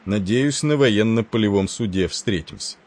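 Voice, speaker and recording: A man voicing a genial, wisecracking male ship's doctor with an Irish accent, talking with rough familiarity. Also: lowish voice, normal speed, a little mellow, natural voice.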